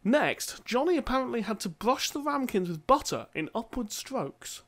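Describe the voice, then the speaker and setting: Lively high-voiced comic narrator. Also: male voice, moderate pace, slight background noise. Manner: dry mock-dramatic.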